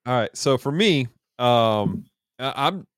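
A man's voice: medium pitch, lively intonation, takes it slowly, a bit bright, smooth, no echo, studio quality. A man hosting a movie podcast in casual chat, laughing often. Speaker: podcast host.

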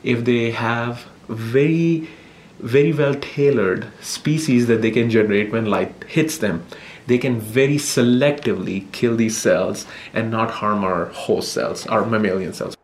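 A man's voice: mid-range voice, a little slow. A man, a scientist, explaining his work informally in an interview in a lab. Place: indoors in a lab. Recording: faint room noise on location. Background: faint noise, room ambience.

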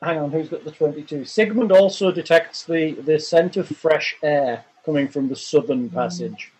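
A man running a tabletop game as game master, calmly describing the caves and calling for dice rolls. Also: on the high side, moderate pace, breathy edge, low-quality recording. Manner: calm, descriptive narration with restarts.

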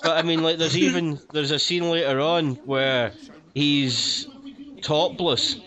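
A man's voice: a little high, fairly even intonation, takes it slowly, sharp tone, dull audio. A man from Glasgow with a Glaswegian accent, co-hosting a casual film commentary in a jokey, sweary way. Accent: Glaswegian Scottish. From Glasgow, Scotland.

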